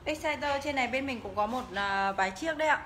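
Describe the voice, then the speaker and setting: A woman giving a live, promotional sales pitch as she walks through shop rooms, repeatedly urging viewers to get in touch. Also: quick pace, fairly bright tone. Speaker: motorbike shop livestream seller. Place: tiled indoor motorbike showroom rooms and stairwell. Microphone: handheld phone, held by the walking speaker. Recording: noisy phone audio in echoing hard-walled rooms.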